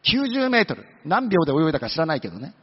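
A man's voice: on the high side, wildly swooping pitch, fast talker, breathy edge. A man preaching a sermon, telling the story with humorous asides. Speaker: pastor. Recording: dull lo-fi sound with long hall reverb.

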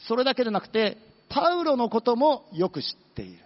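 A man delivers a sermon in a high voice, telling it like a story and briefly voicing the characters as he goes. The recording is dull and muffled, with a long reverb trailing through a church hall. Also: sing-song. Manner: storytelling, acting out demons with quick asides. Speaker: pastor.

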